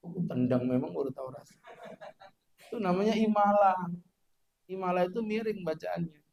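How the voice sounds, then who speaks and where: A man preaching a mosque sermon in a lively, joking way, chanting short recitation examples. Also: high voice, moderate pace, vocal fry.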